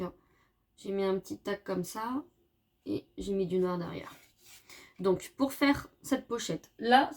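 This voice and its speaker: A woman talks casually through a craft tutorial at her table and keeps correcting herself as she goes. Her pitch sits in a middle range, and she fills her pauses with hesitations. A faint noise runs under the recording. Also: darkish tone. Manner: chatty, self-correcting, many fillers. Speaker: scrapbooking crafter.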